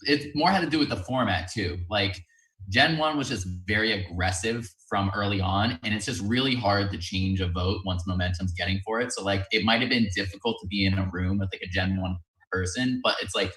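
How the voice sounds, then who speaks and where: A man's voice: fairly low pitch, fairly quick, a bit bright. A man, a former contestant, chatting thoughtfully on a video call with many fillers. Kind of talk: casual video call chat. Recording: echoey room audio.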